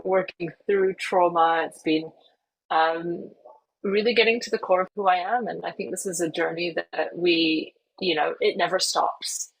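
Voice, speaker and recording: This podcast guest, a life and career coach from Singapore in her forties, has a fairly low, creaky voice with a breathy edge, captured in poor audio. Her accent is a hard-to-place international English, and she talks sincerely, restarting often and using many fillers.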